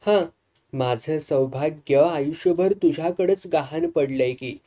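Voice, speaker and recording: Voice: mid-range voice, unhurried, dark tone, natural voice. A storyteller voicing a proud, long-suffering older wife, restrained and hurt. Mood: wounded.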